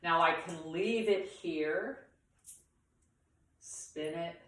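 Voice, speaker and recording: Woman tai chi teacher, low slow voice, short paused instructions, super echoey and far from the mic. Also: a bit bright. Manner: talks through movements in short, pausing instructional phrases. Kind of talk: guided movement lesson for beginners.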